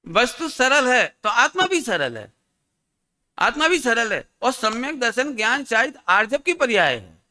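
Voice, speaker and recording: A man's voice: extremely high pitch, very animated, measured pace, bright, forceful tone. A man preaching a sermon as a pandit, teacherly and quizzing his listeners.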